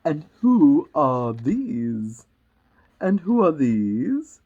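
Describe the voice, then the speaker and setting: A woman voicing a furious, imperious storybook queen, shrill and loud, barking out commands. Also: sing-song, very slow, husky, dull audio, exaggerated voice. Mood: commanding.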